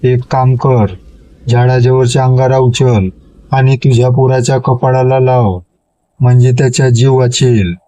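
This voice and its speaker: Menacing male demon spirit, growling, cackling, flat delivery, low mellow tone, horror story, read by a man. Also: measured pace, no room sound, natural voice.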